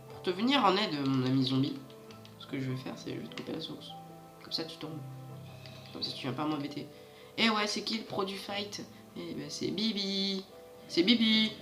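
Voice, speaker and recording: A fairly high-pitched man's voice, reverberant, belongs to a gaming channel host giving casual, rambling let's-play commentary directly to his viewers. Hay fever has given him a stuffy nose.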